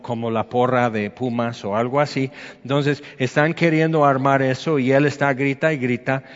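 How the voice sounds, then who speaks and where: Brief: male preacher, chatty sermon, long reverb, muffled. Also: mid-range voice. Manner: conversational, acts out crowd voices, frequent asides.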